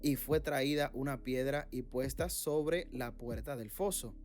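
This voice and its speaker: A man leading an informal Bible study, reading passages aloud and explaining them with frequent fillers and pauses. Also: medium pitch, darkish tone, faint music behind. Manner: reads scripture aloud, then explains it with many fillers.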